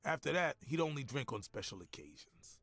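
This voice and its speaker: Older gym worker: gravelly, folksy, leering gossip with lively swoops, noir video game. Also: male voice, mid-range voice, brisk, dry recording. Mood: gossipy, lively. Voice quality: raspy, gravelly.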